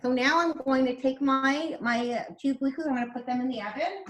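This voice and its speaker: A woman's voice: high-pitched, quick pace, slight background noise. A woman teaching a casual cooking demonstration over a video call. She talks in a chatty, homey way and often restarts her sentences. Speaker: cooking class instructor.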